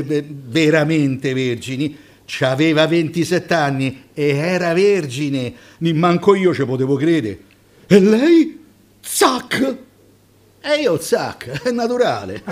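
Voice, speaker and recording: A man plays an old taxi driver, a boastful grandfather who chuckles through his rambling. The voice rides a lively, swinging pitch. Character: crude, chatty older male taxi driver, grandfather.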